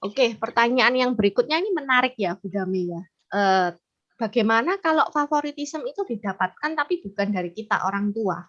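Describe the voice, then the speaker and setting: A woman's voice: on the high side, animated, a little fast, a bit bright. A woman hosting a question session who talks hesitantly, with many fillers. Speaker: host. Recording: muffled lo-fi recording.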